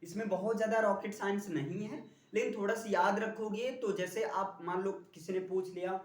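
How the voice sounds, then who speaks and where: A man's voice: sits high, steady tone, normal speed. A man teaching a classroom spelling lesson, drilling his students with repeated questions. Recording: echoey room, voice from far off.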